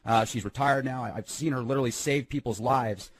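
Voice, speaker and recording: A man's voice: mid-range voice, brisk, husky, no room sound, low-quality recording. A man hosting an interview, chatting casually and telling a heartfelt personal story with some emotion. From United States. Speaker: interviewer host.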